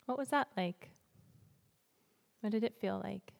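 A woman speaker gently guiding a breathing reflection, calm and soothing, with slow, deliberate pauses. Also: mid-range voice, gravelly. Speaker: guest church speaker. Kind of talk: gentle guided breathing and reflection before a sermon. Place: large church hall, speaking to a congregation. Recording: reverberant hall sound.

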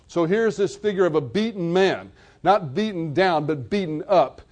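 A man's voice: high voice, lively intonation, moderate pace, darkish tone. A man preaching a sermon, retelling a scene in vivid storytelling detail.

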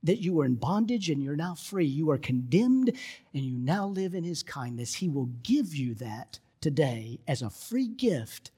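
A male pastor preaching a sermon and telling a story, moving between loud emphasis and hushed, quiet passages. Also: slightly rough. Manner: dramatic, swings from loud emphasis to hushed lows.

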